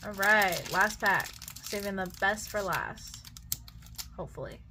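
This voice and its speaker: A woman's voice: mid-range voice, measured pace. A woman co-hosting a casual video, chatting giggly and breaking into uncontrollable laughing fits. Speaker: co-host of card pack opening video. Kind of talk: casual chat to camera. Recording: clear background room noise.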